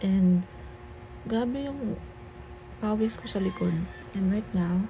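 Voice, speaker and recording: A woman vlogger with a Filipino accent talks casually and chattily, slipping between two languages. Her voice is mid-pitched, recorded with clear noise around her. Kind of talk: casual vlog chat.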